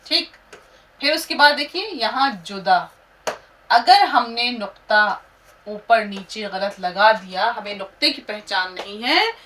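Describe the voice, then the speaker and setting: An Urdu teacher spells out each word slowly and patiently, letter by letter, for her learners in an animated manner. Her bright voice sits a little high and is recorded from a distance, set back from the mic with slight background noise.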